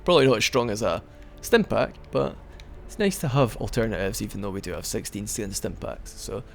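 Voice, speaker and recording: Soft background music accompanies a young man giving casual, rambling commentary while he plays a game. He speaks fairly quickly in a lowish voice with vocal fry, stays chatty, restarts often, and hiccups now and then.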